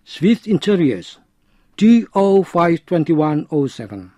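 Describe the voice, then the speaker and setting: A man's voice: on the high side, big pitch swings, slow pace, warm tone, faint music behind. A man playing an announcer, reading scripted notices like adverts or airport announcements. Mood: promotional.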